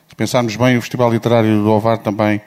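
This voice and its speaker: A low-voiced man with a European Portuguese accent opens a festival session. He pauses often and fills gaps with hesitant sounds. His tone stays informal and welcoming. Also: little pitch movement, darkish tone, smooth. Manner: hesitant, full of fillers. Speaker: festival organizer. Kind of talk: opening remarks at an event.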